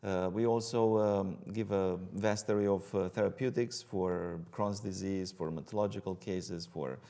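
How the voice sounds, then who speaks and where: A man's voice: low-pitched, fairly even intonation, normal speed, creaky, warm tone. A middle-aged man from Romania, speaking with a Romanian accent, a guest physician explaining his work with frequent ums and uhs. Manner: hesitant, many ums and uhs.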